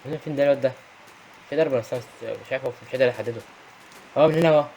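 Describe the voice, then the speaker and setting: Rapid excitable Egyptian gamer man. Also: medium pitch, vocal fry, slight background noise. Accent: Egyptian Arabic. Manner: excitable, shouting at enemies. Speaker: gaming YouTuber. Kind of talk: gameplay commentary.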